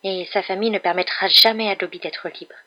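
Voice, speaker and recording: A woman voicing a small male house-elf with a high, squeaky, humble voice, servile and tearful, in an audiobook reading. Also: fairly even intonation, brisk, dull audio, lightly acted. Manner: humble, overexcited, sobbing outbursts. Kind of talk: audiobook character voice.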